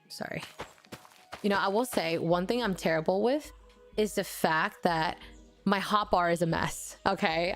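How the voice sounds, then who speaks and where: A young woman streaming a game, chatting casually with viewers, giggling often and restarting her words, and English is not her first language. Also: medium pitch. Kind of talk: casual gaming stream chat.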